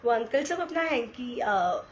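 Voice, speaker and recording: A woman sharing a personal devotional testimony in an animated storytelling way, slipping English phrases into her talk. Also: fairly high pitch, a little slow, highs cut off, slight background noise. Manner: addresses listeners as sangat ji.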